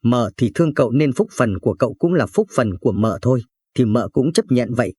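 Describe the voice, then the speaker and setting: A man's voice: medium pitch, expressive, fairly quick, warm tone, husky, dry recording. A man voicing a jealous, spiteful young wife in a narrated story, with a sneering, cutting manner. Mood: honeyed.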